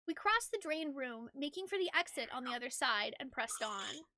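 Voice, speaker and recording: A woman streamer with a high, expressive voice reads a game's story aloud like a storybook at normal speed, breaking off to chat casually about her playthrough. Loud game music plays in the background, and there's a little hiss or hum.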